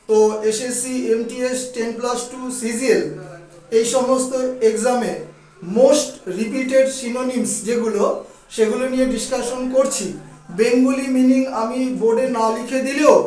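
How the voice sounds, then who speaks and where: A man's voice: very high voice, a little mellow, heavy reverb, recorded from a distance, rough recording. A man with a Bengali accent teaching English vocabulary to students, explaining and repeating each word and checking they follow. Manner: explains and repeats words, checks with "ঠিক আছে?". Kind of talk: classroom vocabulary lesson.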